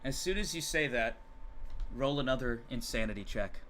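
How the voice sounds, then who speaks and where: A man narrating as game master of a tabletop game in a dramatic, hushed way. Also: mid-range voice, lively intonation, normal speed, a little hiss or hum.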